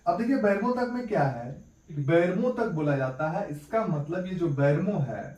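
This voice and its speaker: A man's voice: high-pitched, lively intonation, moderate pace, a little mellow. Man teaching in an echoey room. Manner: repeats key points as questions and answers them. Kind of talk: exam-prep lesson. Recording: echoey room, mic at a distance.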